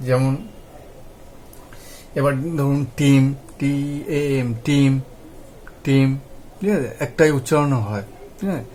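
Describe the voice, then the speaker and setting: A man's voice: mid-range voice, steady tone, takes it slowly, pauses often, a little mellow, slight background noise. A man teaching English pronunciation. He spells words out letter by letter, repeats them and checks often that the viewer follows. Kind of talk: spoken lesson.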